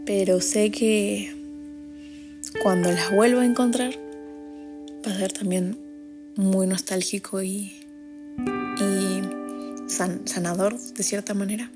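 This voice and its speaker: A woman giving a reflective, gentle personal message. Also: medium pitch, fairly even intonation, a little slow, long pauses, over music.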